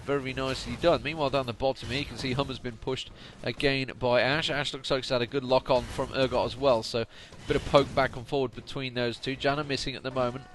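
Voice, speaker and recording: A man's voice: medium pitch, fast talker, few pauses. A tired man giving chatty, rambling solo play-by-play commentary on a video game late at night, often correcting himself. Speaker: esports commentator. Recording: steady noise under the voice.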